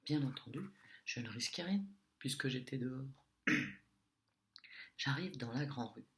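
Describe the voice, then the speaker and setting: A man telling a storybook tale in a hushed, deliberate whisper. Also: medium pitch, creaky, slight background noise.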